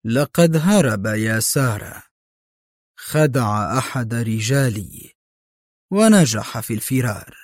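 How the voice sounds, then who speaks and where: A man's voice: mid-range voice, very animated, moderate pace, darkish tone, dry recording, studio quality. A man voicing a wary, hot-tempered male drug-gang boss who talks in a tense, guarded way.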